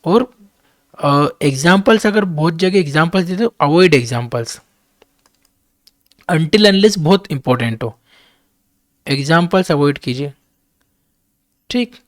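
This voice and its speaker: A man with an Indian accent, an English teacher who reads editorial lines slowly and then explains them in quick Hindi. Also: on the high side, lively intonation, dry recording, clean studio sound.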